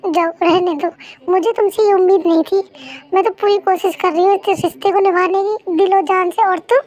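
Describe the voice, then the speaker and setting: A chatty, dramatic young wife, as a woman voices her in a fan dub drama. She is quick and indignant, and her voice runs very high, loud and lively. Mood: hurt. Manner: fast, indignant, talkative. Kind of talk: fan Hindi dub role-play.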